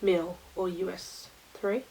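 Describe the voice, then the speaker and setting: A woman's voice: fairly low pitch, fairly even intonation, slow, creaky, mellow, slight background noise, poor audio. A woman hosting her own knitting vlog, talking to camera in a rambling, easygoing chat. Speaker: knitting vlogger.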